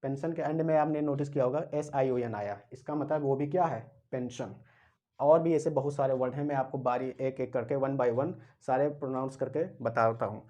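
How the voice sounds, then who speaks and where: A man's voice: mid-range voice, fairly even intonation, dark tone, lo-fi sound. A man teaching English grammar, explaining step by step, spelling words out and asking and answering his own questions. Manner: spells out and repeats words slowly. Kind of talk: classroom-style grammar lecture.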